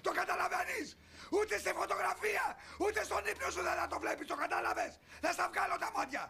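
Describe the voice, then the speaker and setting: Furious middle-aged father, domineering, shouting, high strained pitch, gravelly edge, film drama. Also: heavily acted. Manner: shouting, authoritarian.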